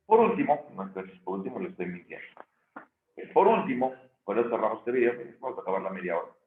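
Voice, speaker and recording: A man's voice: fairly low pitch, big pitch swings, quick pace. Man, theology lecture, restarts and self-corrections, tinny phone-like audio, roomy echo. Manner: thinking aloud with frequent restarts and self-corrections. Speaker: theology teacher. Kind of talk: recorded video lecture. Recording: echoey room, tinny phone-like sound.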